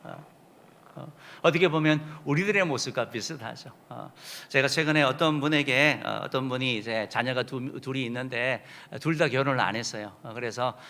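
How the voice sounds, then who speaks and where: A man preaching a sermon as senior pastor, with emphatic loud rises and soft drops. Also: medium pitch, moderate pace. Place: church sanctuary.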